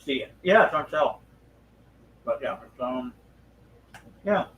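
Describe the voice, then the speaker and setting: A man's voice: medium pitch, expressive, slow, a bit bright, husky. A man hosting a live stream, chatting casually with viewers in crude, profane banter and mumbling to himself while he clicks around. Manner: mumbles while fiddling with screen. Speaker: livestream host.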